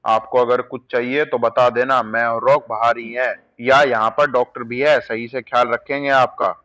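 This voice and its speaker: A loyal young friend voiced by a man talks in a gentle, reassuring way at an ordinary pitch. The voice is plain and everyday. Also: fairly even intonation, normal speed, natural voice. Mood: soothing.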